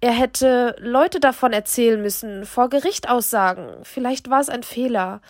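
A woman voicing a distraught mother who confesses through tears, halting and stammering. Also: on the high side, dry recording, studio quality, lightly acted. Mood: tearful, halting.

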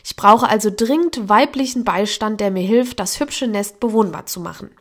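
A woman's voice: medium pitch, normal speed, close to an everyday voice. A woman reading the lines of a cheerful young man joking with his best friend in an audiobook. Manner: light, joking.

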